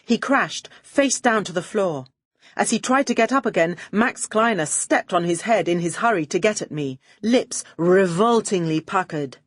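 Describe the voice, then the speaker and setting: A woman audiobook narrator reads a first-person detective story in a wry, arch, poised manner. Her medium-pitched voice is expressive and moderately paced, and the studio-quality recording has no echo.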